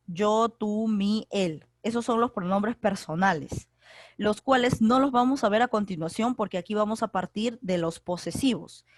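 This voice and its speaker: A woman's voice: medium pitch, no echo. Secondary teacher, woman, online class over a computer mic, repeats key words, dry sound. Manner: explanatory, repeats key words, frequent fillers. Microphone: computer mic on a video call.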